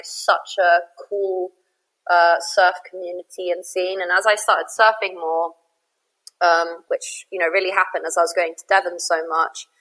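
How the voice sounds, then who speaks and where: A woman's voice: lowish voice, bright, forceful tone, poor audio. A woman in her thirties who grew up in Greece, chatting enthusiastically as a podcast guest with lots of fillers. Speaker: guest, surf retreat organiser. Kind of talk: casual interview chat.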